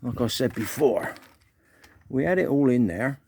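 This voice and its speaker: A man's voice: mid-range voice, lively intonation, measured pace, a little mellow, slight background noise. A man talking casually through a motorbike repair, muttering asides to himself. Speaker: motorbike vlogger. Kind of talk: casual workshop how-to.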